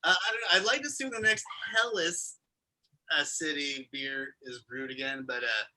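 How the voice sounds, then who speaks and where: A man's voice: a little high, moderate pace, pushed and bright, rough recording. A man chatting casually as a brewery guest on a festival stream, rambling with lots of "like" fillers. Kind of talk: casual chat.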